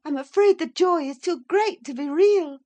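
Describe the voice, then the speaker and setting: A woman voicing an impulsive, excitable young lady of the house, speaking high and emphatic in a dramatized storybook reading. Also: moderate pace. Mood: teasing, imperious.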